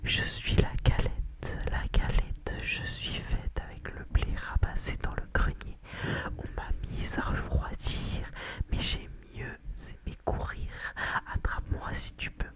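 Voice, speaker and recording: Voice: takes it slowly, close to an everyday voice. A narrator voicing a cheeky runaway galette with a taunting little song, in whispered role-play. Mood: playful, taunting.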